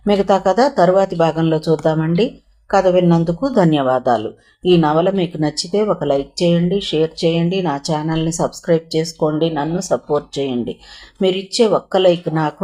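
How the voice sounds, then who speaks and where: Female storyteller, low-pitched, steady narration of a serialized novel. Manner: steady first-person narration. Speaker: storyteller, channel host. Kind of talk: novel reading.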